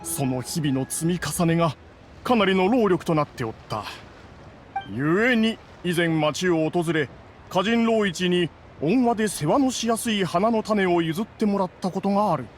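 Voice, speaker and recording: A man's voice: high voice, expressive, moderate pace, slight background noise. A man voicing a proud, stern ancient immortal in human guise for an anime game, lofty and easily exasperated, with archaic phrasing. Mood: weary, explaining. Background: music.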